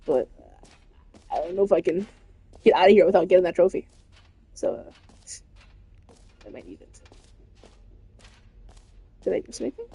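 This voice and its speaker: A woman's voice: fairly low pitch, lively intonation, normal speed, creaky, long pauses, mellow, slightly rough, no room sound. A woman giving casual, swearing commentary while streaming a game.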